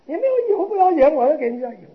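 A man voicing an indignant young princess who scolds in sharp questions. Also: extremely high pitch, sing-song, rapid-fire, narrow, tinny audio, voice pushed up. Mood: scolding.

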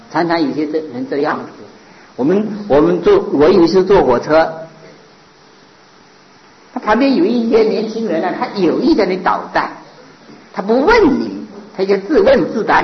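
Monk guy giving a buddhist sermon, voice swings up and down a lot, kinda high, dull lo-fi recording. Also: moderate pace. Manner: animated, rhetorical questions, mimics mockers.

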